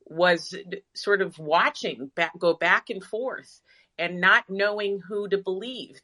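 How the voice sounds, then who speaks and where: A woman physician giving measured, thoughtful answers in a live audio discussion. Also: lowish voice, pushed and bright.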